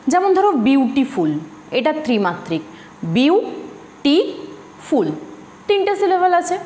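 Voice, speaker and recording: A woman's voice: high-pitched, a little mellow. A woman teaching a physics lesson, explaining patiently and putting questions to her students as she goes. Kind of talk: recorded classroom lecture. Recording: echoey room with faint hiss.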